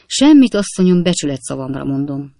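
A male reader playing a flustered, overly polite elderly gentleman who stammers and apologizes earnestly. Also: a little high, expressive, creaky, no room sound, studio quality.

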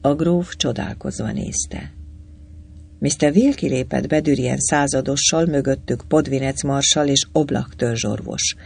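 A man narrating a novel as an audiobook, in a lively, expressive storytelling manner. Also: medium pitch, gravelly, slightly rough.

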